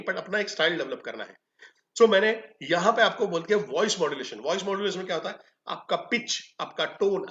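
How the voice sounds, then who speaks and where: Energetic guy teaching a sales class, high bright voice, echoey lo-fi room. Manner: energetic, animated, acts out quick examples. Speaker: sales and tele-calling trainer. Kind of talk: training talk. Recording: echoey room, dull lo-fi sound.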